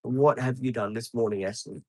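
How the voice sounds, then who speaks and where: A chatty man in his fifties rambles through a casual live stream outdoors beside traffic, answering viewers by name and pausing on frequent ums. His ordinary mid-pitched voice has a dark tone and fairly even intonation. It sounds dry and close, with no room echo.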